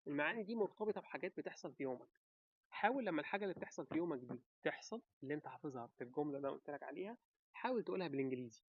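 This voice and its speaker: An Egyptian man with an Egyptian Arabic accent gives casual advice to camera, animated and talking straight to the viewer with quick rhetorical questions. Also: fairly high pitch, slightly rough, dry recording, lo-fi sound. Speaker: vlogger giving advice.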